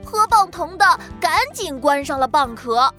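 A woman narrating a children's story in a gentle, expressive way. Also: sits high, soft background music. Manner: gentle, expressive, slow-paced.

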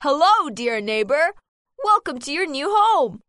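A greedy, scheming fox in a children's storybook, all flattery and sweet talk, acted by a woman. The voice is high and bright, leaping up and down. The sound is close and dry. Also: a little slow, no echo, exaggerated voice. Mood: fawning. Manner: sweet-talking, wheedling, chuckling to himself. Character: greedy sly male fox, scheming and fawning. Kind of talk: storybook character reading.

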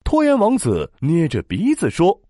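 A man narrating a children's story in a dramatic, expressive storytelling manner. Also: fairly high pitch, moderate pace, no echo, clean studio sound. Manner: dramatic, expressive, with sound-word emphasis.

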